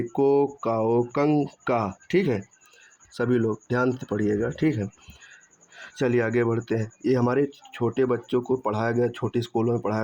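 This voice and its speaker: Over a dull, muffled lo-fi recording, a man with a mid-range, slightly mellow voice leads an online Hindi grammar lesson. He goes over points again, poses questions and answers them himself, says "theek hai" to check in, and stretches syllables when spelling out sounds.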